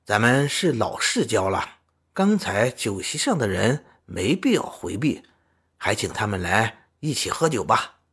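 A brash, carefree young scholar , as a man voices him, jovial and bold. His voice is husky and lively, rising with spirit. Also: fairly low pitch, unhurried, exaggerated voice.

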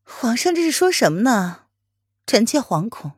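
A woman's voice: fairly high pitch, animated, normal speed, a little mellow, husky, no room sound, studio quality. Woman voicing a teasing young queen. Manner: light, mock-polite. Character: calm teasing young queen, falsely innocent.

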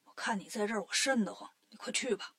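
A woman voicing the Jade Emperor, an old male ruler who dodges trouble, speaking slowly in a low, half-whispered voice. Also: a bit bright, husky. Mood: evasive.

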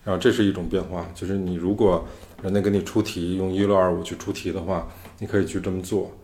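A man's voice: low-pitched, flat delivery, quick pace, darkish tone, slight background noise. A man hosting a podcast, explaining music theory in loose, casual talk. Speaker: podcast host. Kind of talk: casual chat.

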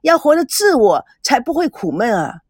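A woman voicing a lively, eager young woman who talks in a chirpy, emphatic way. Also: sits high, moderate pace, slightly rough, no room sound, studio quality, voice pushed up, exaggerated voice. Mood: enthusiastic.

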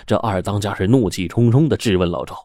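Low mellow guy telling a spooky story, dry close sound, faint music under it. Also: fast, no echo. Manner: steady, suspenseful telling. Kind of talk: scripted story narration.

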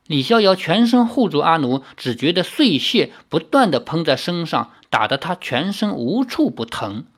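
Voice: medium pitch, big pitch swings, moderate pace. An audiobook narrator reading a novel dramatically, with casual asides.

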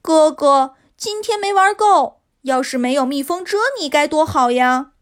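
Woman as a high, pouty little kid. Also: measured pace. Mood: sulky. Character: small sulky pouting younger child. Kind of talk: children's storybook character voice.

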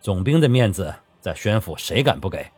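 A man voicing a confident, powerful merchant calmly reassuring a friend, low and husky. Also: brisk, no room sound, faint music behind, full character voice. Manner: calm, self-assured.

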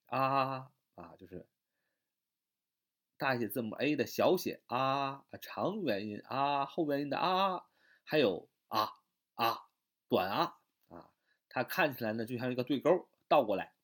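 In Chinese, a man breaks down English grammar one step at a time, with long fillers and repeated explanations. His pitch is medium and his intonation lively.

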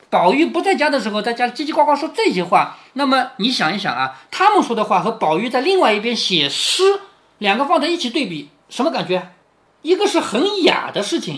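Brief: chatty male storyteller-commentator, bright and animated, keeps asking "right?". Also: very high-pitched. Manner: conversational, asks rhetorical questions. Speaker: father reading and explaining a classic novel to his daughter.

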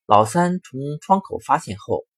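A man narrating a children's story in a lively, expressive reading. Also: medium pitch, a little slow, dry recording. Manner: lively, expressive reading with sharp rises in volume.

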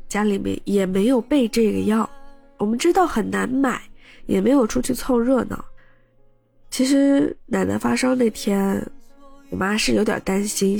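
Woman chatting on her podcast, gravelly cracked voice, throat not fully better, kinda husky, bit of music behind. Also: medium pitch, darkish tone. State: recovering throat, cracking shaky voice. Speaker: podcast host. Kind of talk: casual personal chat to listeners.

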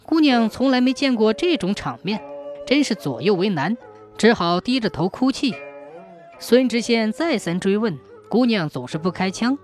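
A storyteller telling a folk tale in a lively, dramatic way. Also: medium pitch, normal speed, faint music behind.

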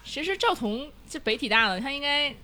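A woman hosting a casual chat show, teasing her guests and quick to laugh. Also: sits high, lively intonation, crowd noise. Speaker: podcast host.

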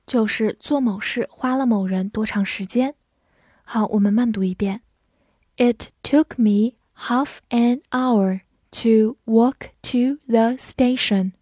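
A woman leads a recorded vocabulary lesson in a slightly raised voice. She takes her time, saying each word slowly and twice over for learners. The sound is close and dry, with no room echo. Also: fairly high pitch, darkish tone. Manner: slow, careful, repeats each word for learners. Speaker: English vocabulary teacher.

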